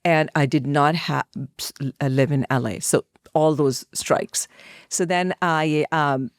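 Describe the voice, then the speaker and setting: This podcast guest, a middle-aged Indian actor, has a low voice with fairly even intonation and an unhurried delivery. She shares stories from her life conversationally, re-enacting bits of past dialogue, in a clean studio recording free of room sound.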